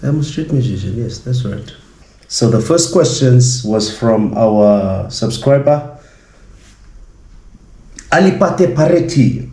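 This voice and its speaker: A man with a Fijian accent chatting casually as a vlogger, speaking in a halting, hesitant way. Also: mid-range voice, expressive, mellow. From Fiji. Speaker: vlogger and street musician. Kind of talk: casual vlog chat. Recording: echoey room sound.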